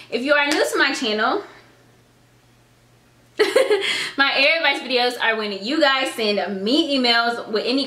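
A woman's voice: on the high side, sharp tone, roomy sound. A pregnant woman in her twenties, chatting casually on her vlog and giving advice, a little out of breath, saying "y'all" and "girl". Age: 20s.

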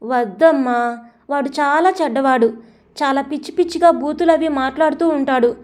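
A woman's voice: sits high, normal speed, darkish tone, lightly acted. A woman voicing a tearful teenage schoolgirl. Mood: frightened pleading. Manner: pleading, upset, sobbing words. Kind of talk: audio story reading.

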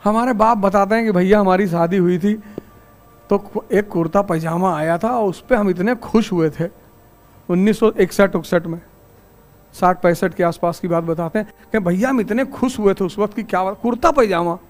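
A man's voice: high-pitched, normal speed. A man teaching a civil services exam class in a classroom, lecturing in a folksy, anecdotal way full of stories.

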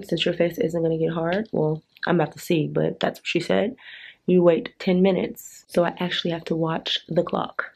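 A woman's voice: on the low side, gravelly, a little mellow, husky. A woman chatting playfully in casual slang as she films a beauty vlog in a hotel room on a camera mic. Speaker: beauty vlogger.

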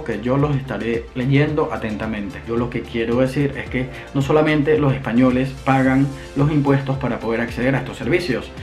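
Speaking in a slightly mellow, mid-range voice with a Venezuelan accent, a young Venezuelan man films a casual explainer at home. He addresses the camera earnestly and gestures with his hands as he talks.

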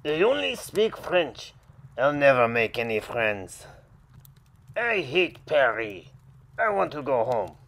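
A man's voice: mid-range voice, very animated, takes it slowly, vocal fry, fairly bright tone, heavily acted. A man doing an eager young puppy narrator. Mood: sulky. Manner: chatty, exasperated asides. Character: young boy dog, eager and easily sulky.

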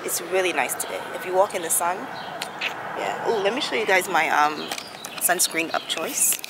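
A woman in her thirties chatting casually to her camera in a park, rambling in a relaxed way. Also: on the low side, normal speed. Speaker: vlogger. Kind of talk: casual vlog chat. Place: outdoors in a grassy park. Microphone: camera phone held at arm's length. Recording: noisy outdoor ambience.

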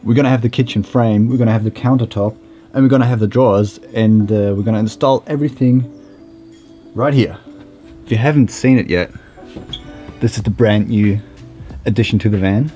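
A young man giving a relaxed, chatty walkthrough of his camper van build, recorded on a camera mic in a small wood-panelled van. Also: on the low side, fairly quick, pauses often, soft background music. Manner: relaxed, chatty, many fillers. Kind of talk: casual vlog walkthrough.

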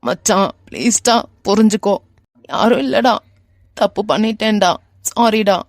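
A woman with a Kanyakumari Tamil accent voicing a guilt-ridden young man in a cartoon, talking slowly and apologetically as he begs his friend. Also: medium pitch, lively intonation, dry recording, studio quality. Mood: pleading. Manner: pleading, apologetic, slow and teary. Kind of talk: animated web cartoon voice acting.

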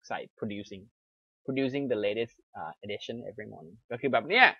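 A young adult man with a Thai accent, teaching an English reading lesson, reading English lines slowly and explaining them quickly in Thai. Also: fairly low pitch, creaky, husky, no room sound, dull audio.

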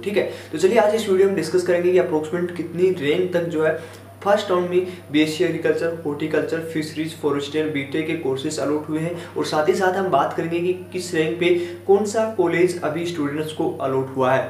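A young man in his twenties, a counselor talking to camera, explaining admission cutoffs in a steady way and often saying "okay" between points. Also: fairly high pitch. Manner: steady, repetitive with fillers and "ठीक है". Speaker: education counselor and YouTuber. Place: small indoor room in front of a wooden door. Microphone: camera at close range, head and shoulders framed. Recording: echoey room with faint hum.

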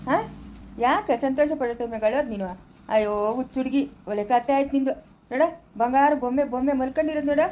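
A woman's voice: high voice, fast, close to an everyday voice. A woman with a Chikkaballapur Kannada accent, acting a kind father comforting his tearful daughter in an amateur family skit. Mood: soothing. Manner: soothing, scolding gently.

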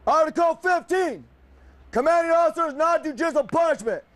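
An American man working as a military drill instructor, shouting clipped commands like a barking officer. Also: very high-pitched, normal speed. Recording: loud recruit crowd noise, on-location.

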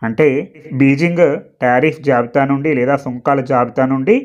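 A man's voice: medium pitch, clear, resonant tone, muffled recording. Man teaching at an easy pace. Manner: reads English slowly and deliberately, explains quickly. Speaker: English teacher. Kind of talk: explaining word by word.

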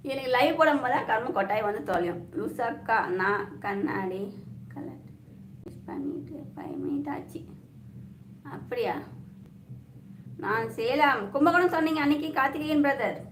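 A woman's voice: fairly high pitch, lively intonation, moderate pace. A woman from hosting a casual live stream, chatty and teasing as she greets viewers by name. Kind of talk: casual live chat reading viewer comments. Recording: echoey room with faint ambient noise.

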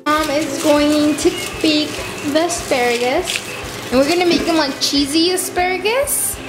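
A woman's voice: high-pitched, unhurried, over music, poor audio. A teenage girl narrating a casual home cooking vlog, chatty and upbeat with lots of "like" and "um", filmed on a handheld camera in a home kitchen. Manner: chatty, upbeat, uses "like" and "um" often. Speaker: vlogger.

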